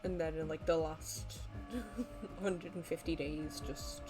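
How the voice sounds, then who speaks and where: A woman's voice: low voice, slow pace, over music, low-quality recording. A tired young woman wrapping up a live stream, rambling casually with many ums and likes. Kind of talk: casual end-of-stream chat.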